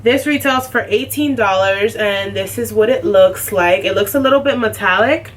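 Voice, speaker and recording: A woman's voice: medium pitch, normal speed. A young woman chatting casually as a beauty vlogger, full of "like" and "um" as she goes. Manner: chatty, lots of "like" and "um". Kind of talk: casual unboxing chat. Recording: slightly distant, faint background noise.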